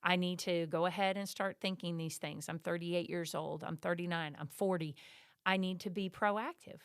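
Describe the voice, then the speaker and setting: Middle-aged woman podcast co-host, emphatic and chatty, smooth and a touch low, close dry mic. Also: fairly even intonation, normal speed, no echo. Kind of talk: casual podcast chat.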